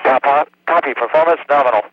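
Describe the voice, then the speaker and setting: A man's voice: fairly high pitch, brisk, slight background noise. Man on breaking-up space radio. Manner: terse, reads back each call. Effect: breaking up space radio transmission. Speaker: shuttle crew member on air-to-ground radio. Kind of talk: clipped radio call-and-response. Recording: dull lo-fi archival radio loop.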